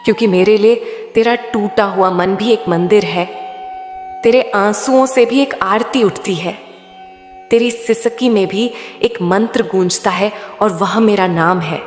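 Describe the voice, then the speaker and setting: Woman as consoling mother goddess, devotional message, very slow, echoey hall, faint sitar behind. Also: medium pitch, faint music behind, close to an everyday voice. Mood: tender. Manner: slow, soothing, intimate address. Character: loving mother goddess, tender, all-knowing, consoling.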